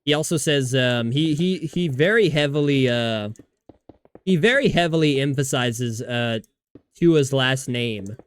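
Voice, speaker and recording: A man's voice: mid-range voice, measured pace, clear, resonant tone. A man streaming a video game, chatting casually with viewers in a rambling way, swearing often and restarting his sentences. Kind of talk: casual livestream chat while gaming.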